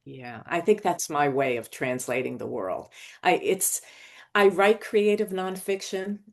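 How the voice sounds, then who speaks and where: An older woman from Morocco, a novelist and screenwriter, telling her story as a podcast guest in an animated, digressive way. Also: low voice, a little slow.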